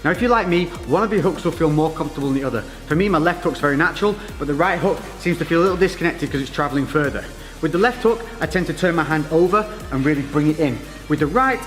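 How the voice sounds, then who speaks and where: A man's voice: a little high, a bit bright. Guy teaching a boxing workout step by step, encouraging, super echoey, music behind him. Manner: encouraging step-by-step coaching, informal. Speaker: boxing fitness coach. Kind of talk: instructional workout demonstration. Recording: echoey reverberant room with music.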